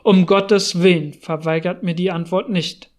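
A man's voice: high voice, steady tone, a little slow. A man voicing a grim, vengeful young male hunter in an audiobook, speaking with intensity. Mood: intense.

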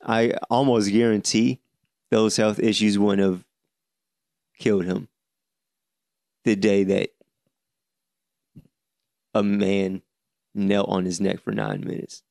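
A man in his late twenties hosting a solo podcast, speaking earnestly with many halting restarts. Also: lowish voice, flat delivery, vocal fry, a little mellow, dry recording, clean studio sound. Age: 20s. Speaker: podcast host.

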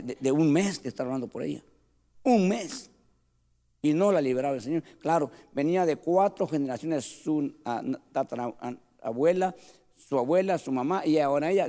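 A man preaching a sermon with passion, shouting at the peaks and dropping to quiet storytelling, often calling the listeners "brother". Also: a little high, big-room sound. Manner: addresses listeners as "hermano" often. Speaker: pastor.

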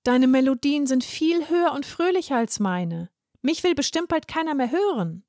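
Woman doing a small, shrill, touchy night watchman. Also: animated, normal speed, no echo, studio quality, close to an everyday voice. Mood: insecure.

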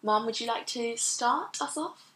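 A woman's voice: fairly high pitch, measured pace, bright, forceful tone. Chatty young woman hosting. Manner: chatty, teasing, laughs often. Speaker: podcast host. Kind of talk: casual chat.

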